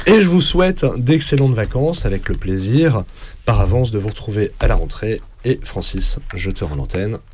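A man with a gravelly, hoarse voice presenting a radio show casually, stumbling and apologetic. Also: lowish voice, lively intonation, moderate pace, darkish tone. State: hoarse, feverish. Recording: faint clicks, clear background noise.

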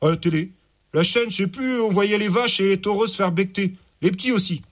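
A man's voice: high-pitched, voice pushed up. Man doing a dim, mocking desert thug. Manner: slangy, mocking, slow-witted. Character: dim-witted crude male desert thug.

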